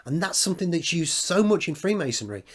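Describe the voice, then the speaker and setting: A man's voice: a little high, very animated, fast talker, a bit bright, husky. A middle-aged man hosting a video essay, thinking aloud in an unscripted monologue with frequent restarts and fillers.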